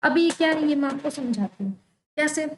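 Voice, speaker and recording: A woman teaching an online exam-prep lecture, reading English lines out slowly and then explaining them, asking questions and answering them herself. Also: high voice, lively intonation, a little hiss or hum. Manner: peppers explanations with checking tags like "theek hai".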